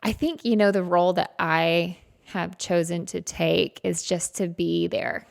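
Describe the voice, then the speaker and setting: A woman's voice: lowish voice, fairly even intonation, a little slow, gravelly. A woman co-hosting a podcast, talking in a casual, chatty and self-deprecating way and laughing often. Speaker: podcast co-host. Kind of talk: casual chat.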